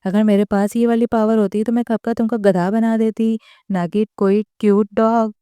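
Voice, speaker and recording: A woman's voice: a little high, little pitch movement, normal speed, mellow, smooth, dry recording, natural voice. A woman reading a bossy scolding young woman. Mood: arguing. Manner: scolding, threatening.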